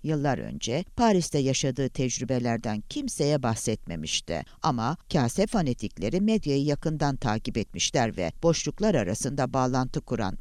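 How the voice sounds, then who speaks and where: A man's voice: mid-range voice, darkish tone, dry recording, clean studio sound. Dramatic man narrating a thriller audiobook.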